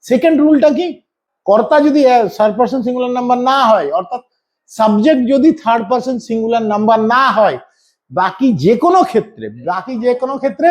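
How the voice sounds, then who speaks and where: A man with a Bengali accent gives a grammar lesson in a strikingly high voice. He walks through each rule patiently, repeats every example and keeps asking whether his students have followed. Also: a little mellow. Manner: explains step by step, repeats examples, checks in with "okay?". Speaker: English grammar teacher. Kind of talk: classroom-style grammar lesson.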